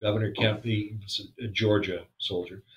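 A man's voice: lowish voice, level tone, moderate pace, poor audio. Exasperated man on a political podcast. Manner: exasperated, rhetorical questions, joking. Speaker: podcast co-host. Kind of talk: casual political chat.

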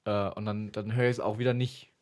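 A man's voice: lowish voice, little pitch movement, a little fast. A young man co-hosting a casual podcast, talking about his favorite songs with frequent fillers and laughs. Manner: laughs often, hesitant with many fillers. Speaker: podcast co-host.

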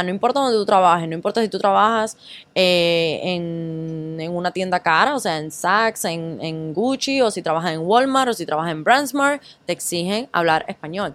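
A woman with a Cuban accent, a guest in a casual interview, telling her story lively and mixing English words into her Spanish. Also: lowish voice. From Cuba.

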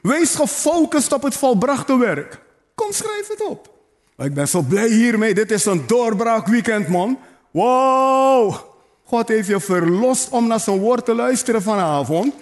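A man with a high voice preaches a sermon to a congregation. He drives his points home through repetition and calls out to the listeners, mixing in playful asides. His pitch sits well above most men's. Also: sing-song, unhurried. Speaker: pastor.

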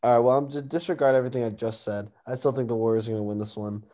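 A man's voice: mid-range voice, steady tone, rapid-fire, mellow. A young American man co-hosting a sports talk, casually giving predictions on games.

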